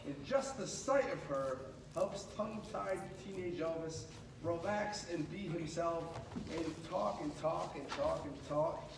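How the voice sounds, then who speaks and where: Slow and touched with vocal fry, a man's high voice animates a children's picture book read-aloud at a school, punctuated by casual asides to the audience. An echoey room, a faraway mic, and background noise mark the recording.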